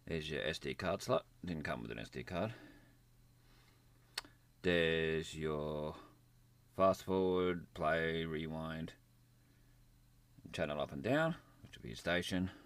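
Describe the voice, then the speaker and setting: A gadget reviewer with a bass voice talks slowly, leaving long pauses. He's at a desk indoors near a computer, giving a casual, unscripted hands-on demo in plain-spoken terms.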